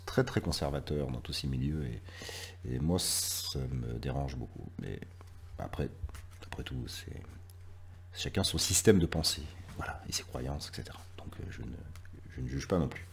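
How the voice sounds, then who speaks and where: A man with an extremely deep voice hosts a poetry program from France. He talks with hesitant fillers and restarts, then reads verse with rising emphasis through repeated lines. His phrases often trail off into a near whisper. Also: normal speed, vocal fry, slightly rough. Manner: hesitant, many "euh" fillers and restarts in talk. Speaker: poetry show host and reader. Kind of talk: casual spoken intro, then poetry reading.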